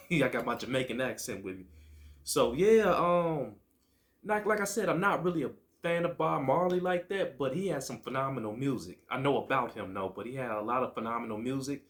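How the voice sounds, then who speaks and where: A man hosting his own show, giving a casual, chatty film review in a relaxed way. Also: medium pitch, fairly quick. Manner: relaxed, chatty, upbeat greeting. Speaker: movie reviewer, host.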